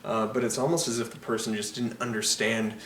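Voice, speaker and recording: A man's voice: on the low side, steady tone, a little fast, fairly bright tone. A man giving a casual, opinionated film review, rambling with many fillers and restarts. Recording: echoey room, mic at a distance, faint noise.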